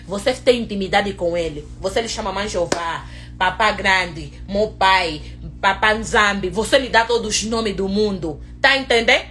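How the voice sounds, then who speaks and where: A woman chatting casually on a livestream, excitable and preachy, swinging from low murmurs to loud encouragement. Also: moderate pace, a little hiss or hum. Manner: excitable, switches from murmuring to shouting. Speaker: vlogger.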